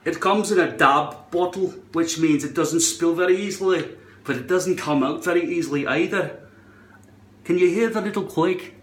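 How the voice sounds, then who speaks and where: Speaking at a normal pace in a voice on the high side, a man demos a hairpiece adhesive in a casual, meandering tutorial. He attempts a shaky Scottish accent, repeats words, and swears now and then, and the indoor room gives off a roomy echo.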